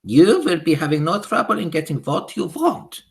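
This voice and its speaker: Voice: mid-range voice, sing-song, normal speed, vocal fry, pitched above the performer's own voice. A reader voicing a tiny, furious female witch leader who screeches and speaks with odd foreign-sounding grammar, in an audiobook. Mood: gloating. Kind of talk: audiobook character voice.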